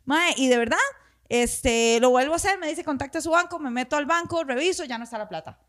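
Animated high-voiced Costa Rican woman. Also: brisk. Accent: Costa Rican Spanish. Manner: animated, swears freely, laughs through the story. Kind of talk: casual storytelling chat.

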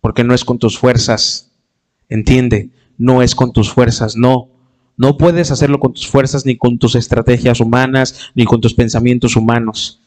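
A man's voice: steady tone, a little slow, darkish tone. A man preaching a sermon in an impassioned way, acting out the voices of hurting people. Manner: impassioned, acts out quoted voices with rising pitch.

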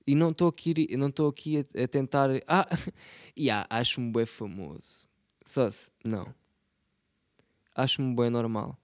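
A young man with a European Portuguese accent talks alone into the mic for his podcast, rambling and mocking himself in slang full of swearing. His voice sits at an everyday middle pitch. The sound is close and dry, with no room echo. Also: a little slow, pauses often. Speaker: podcast host. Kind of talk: casual solo podcast monologue.

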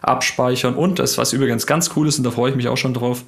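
A man's voice: mid-range voice, steady tone, fast talker, creaky. A man co-hosting a casual tech podcast, explaining with enthusiasm. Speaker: podcast co-host.

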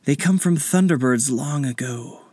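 A man voicing a wise, mysterious male spirit guide, speaking slowly in a hushed, breathy way. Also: medium pitch, no echo, clean studio sound, pitched above the performer's own voice. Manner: slow, hushed, breathy delivery.

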